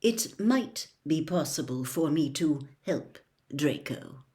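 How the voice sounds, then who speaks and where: A cold, secretive wizard, played by a woman reader from a storybook. He speaks low, hushed and slowly, with controlled, measured menace. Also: animated. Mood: firm, quiet. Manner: quiet, slow, coldly measured. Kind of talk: audiobook character voice.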